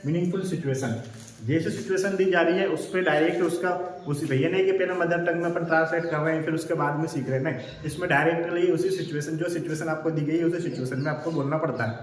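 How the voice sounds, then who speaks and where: A male teacher giving an exam-prep lecture, repeating each point several times and reading English lines slowly before explaining them. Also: a little high, steady tone. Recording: very echoey room, faint background noise.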